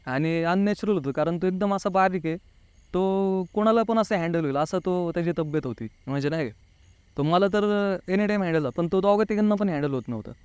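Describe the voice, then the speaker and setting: In a dry recording, a high-pitched man talks a little fast with a darkish, clean tone. He's from Pune and, as a talkative interview guest, relates a personal episode, playing out quoted dialogue and constantly adding "नाही का".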